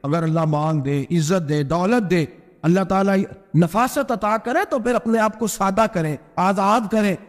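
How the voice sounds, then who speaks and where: A man preaching a sermon, telling a story and acting out its dialogue with strong pitch swings. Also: in a large hall. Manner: impassioned, acts out dialogue with sharp pitch swings. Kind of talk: Urdu religious sermon with storytelling.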